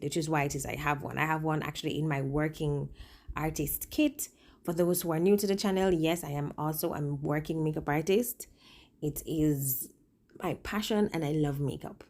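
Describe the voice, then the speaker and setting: A woman's voice: sits low, a little mellow. A woman chatting casually through a makeup tutorial as a vlogger, informal and emphatic, with rambling asides, speaking with a swollen upper lip. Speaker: makeup vlogger and working makeup artist.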